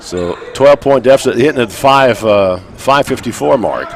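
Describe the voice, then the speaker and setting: A man's voice: medium pitch, moderate pace. Man calling college basketball play-by-play. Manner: steady play calls with occasional wry asides. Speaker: play-by-play announcer. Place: college gym. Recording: loud crowd noise behind.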